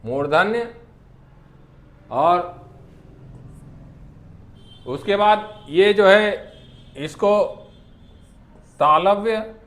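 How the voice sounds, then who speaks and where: A man teaching a class, spelling out sounds one at a time in a slow, deliberate lecture. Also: sits high.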